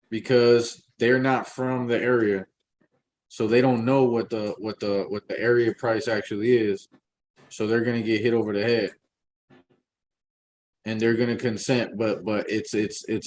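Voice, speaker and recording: A middle-aged man with a fairly low voice in a casual discussion. He talks colloquially, with street slang, often repeating a phrase while he builds an example. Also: a little mellow. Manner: halting, repeats words, explains with examples.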